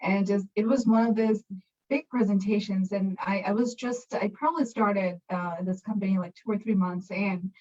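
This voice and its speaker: A woman's voice: medium pitch, steady tone, warm tone. Woman on muffled video call audio. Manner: halting, many fillers, laughs easily. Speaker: panelist. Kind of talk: personal storytelling on a panel.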